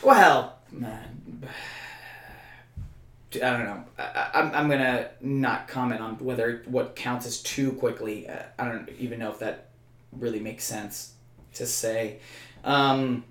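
A man's voice: medium pitch, steady tone, slow pace, fairly bright tone. A man co-hosting a podcast in casual chat, stammering through restarts and talking emphatically. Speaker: podcast co-host. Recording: roomy echo.

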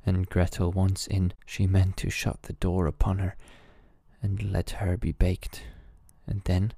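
A man with a very low, dark voice reads a fairy tale aloud as a calm bedtime story. His delivery is measured and steady, recorded dry with no room sound. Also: creaky, breathy edge, no room sound.

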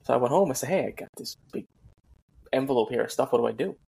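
A man's voice: medium pitch, expressive, fast talker, vocal fry, dark tone, breathy edge. A man hosting a podcast, trading a laid-back story of his own start as a firefighter. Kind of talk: casual conversation.

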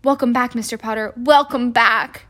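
Woman playing a hushed, awestruck old male bartender. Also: a little high, fairly even intonation, normal speed, close to an everyday voice. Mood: moved. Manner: hushed, reverent.

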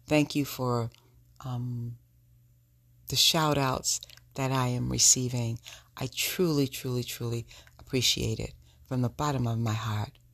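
A woman hosts a reflective solo podcast in a sultry, intimate manner. Her voice is husky and gravelly, full of creak. She takes her time, speaking slowly and directly to her listeners. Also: extremely low pitch. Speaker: podcast host.

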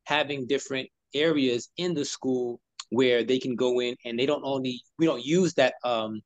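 A man hosting an interview in a relaxed, conversational way, affirming his guest and often saying "you know". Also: medium pitch, normal speed, no echo. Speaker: interview host. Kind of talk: casual interview talk.

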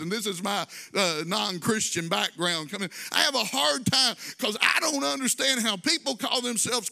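A man's voice: extremely high pitch, vocal fry, bright, forceful tone. A male pastor preaching a conversational sermon, drawing phrases out in a sing-song and adding folksy asides.

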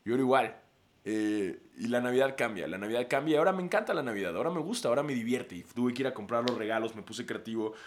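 A Mexican-accented podcast host in his thirties speaks quickly in a mid-range voice, telling a story casually. He's animated, full of slang, and laughs often.

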